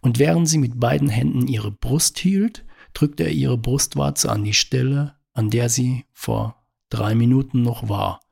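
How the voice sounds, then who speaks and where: Gravelly husky man reading a story. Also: mid-range voice, a little slow, a little mellow. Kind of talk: comic short story reading.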